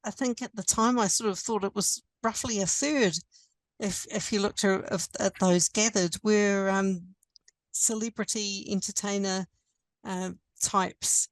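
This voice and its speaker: A woman panellist responding informally, halting and searching for her words. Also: medium pitch, no room sound. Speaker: conference panellist.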